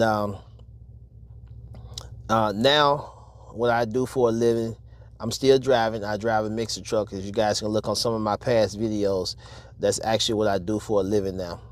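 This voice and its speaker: A man in his fifties, a truck driver and channel host, talking candidly to viewers in a casual advice vlog, repeating himself for emphasis with many pauses and fillers. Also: fairly low pitch. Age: 50s.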